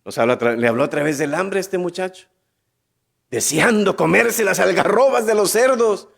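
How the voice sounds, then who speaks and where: A man preaching a sermon, his voice pitched high for a man. He keeps asking the congregation questions. Now and then he slips into short acted lines of biblical dialogue. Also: normal speed, creaky.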